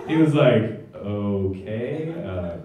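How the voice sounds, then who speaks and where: A young male stand-up comic telling a rambling, self-mocking story, his pitch swinging up and down as he goes. He is heard from some way off through a stage mic, in a very echoey theater. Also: expressive, very slow, distant mic, crowd noise. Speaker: stand-up comedian. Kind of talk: stand-up comedy set. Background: audience laughter.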